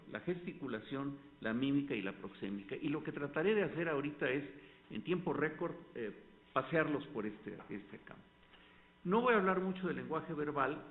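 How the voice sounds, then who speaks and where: A man with a Mexican accent giving an academic lecture at a medical colloquium, explaining points with an animated, demonstrative delivery. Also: fairly high pitch. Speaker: panel speaker at a medical colloquium. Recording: tinny phone-like lecture recording.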